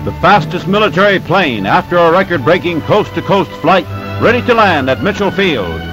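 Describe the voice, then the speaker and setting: A man narrating an old newsreel in a brisk, emphatic announcer delivery. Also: sits high, very animated, over loud music, low-quality recording.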